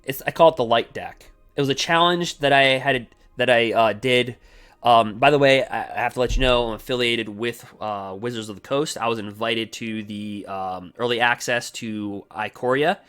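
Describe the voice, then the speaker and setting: A man hosting his own card game channel, talking fast and energetically in a rambling, casual way with many asides. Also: mid-range voice, fairly bright tone, clear, resonant tone, soft background music. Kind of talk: casual solo gameplay commentary. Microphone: desk microphone.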